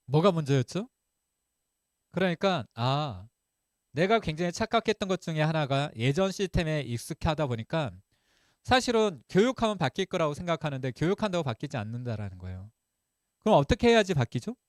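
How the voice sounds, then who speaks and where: Lively, high-pitched Korean man lecturing. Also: a little fast, no echo, clean studio sound. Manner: animated, acts out his own past remarks in quotes. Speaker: group leader giving a talk. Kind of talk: motivational seminar talk.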